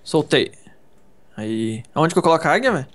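A man's voice: a little high, big pitch swings, moderate pace, a crowd in the background. A man with a Brazilian Portuguese accent in casual gaming chat, playful and exclamatory, thinking aloud as he crafts. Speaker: gamer co-playing.

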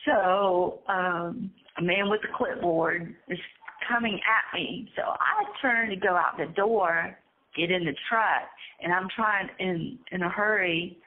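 A nervous woman hesitantly telling her own story as an interviewee, pausing often with ums. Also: on the low side. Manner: hesitant, halting, with frequent ums. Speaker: incarcerated interviewee. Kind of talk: casual conversational storytelling. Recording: tinny phone line.

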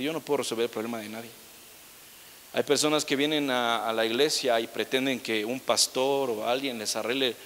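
A man's voice: medium pitch, fairly bright tone, big-room sound, a little hiss or hum. A young man preaching a sermon in a church, chatty and joking as he acts out the people he talks about. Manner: conversational preaching with humorous asides, acting out quoted people. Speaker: pastor. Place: church hall.

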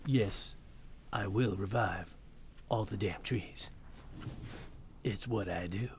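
A man putting on a gravelly deadpan monster hunter. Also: slow, slight background noise. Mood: gruff deadpan. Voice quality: gravelly, low and growly. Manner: dry, clipped, deadpan muttering. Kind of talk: gamer putting on a character voice.

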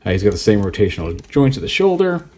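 A man giving a relaxed, rambling hands-on toy review, thinking aloud as he poses the figure. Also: fairly low pitch, fast. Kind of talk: casual hands-on product review.

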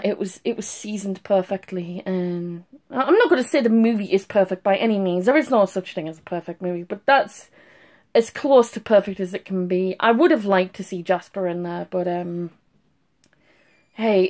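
A young woman speaks at an ordinary pitch, fresh from a cry. She gushes in a casual review style, restarting and trailing off as she goes. She records on a phone at arm's length in a small bedroom. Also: normal speed, darkish tone. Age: young adult. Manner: emotional gushing with restarts and trailing thoughts. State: has just been crying. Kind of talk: casual video review to camera. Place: small bedroom at home, indoors.

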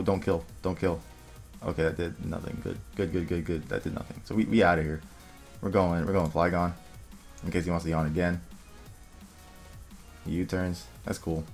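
A young man casually commentating his own online game, thinking aloud and muttering quick asides to himself. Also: sits low. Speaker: gaming video creator. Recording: faint music underneath.

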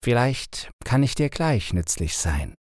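A man voicing a kindly, calm adult soldier in a storybook reading, speaking in a reassuring way. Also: medium pitch, unhurried, no room sound, studio quality, pitched above the performer's own voice.

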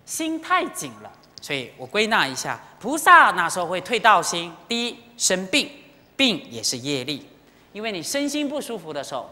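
A Buddhist teacher preaching in a temple with an expressive, swooping delivery and a bright, forceful tone. The talk is full of emotional storytelling and direct appeals to the listeners. The voice carries a long reverb from the hall. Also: mid-range voice. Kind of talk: sermon.

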